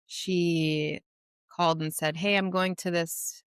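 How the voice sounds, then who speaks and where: A woman co-host talks casually and asks curious questions. Her voice is on the low side. The recording is dry and close. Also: steady tone, clear, resonant tone, dry recording. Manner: curious, quick to ask back. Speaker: podcast co-host. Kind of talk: casual chat.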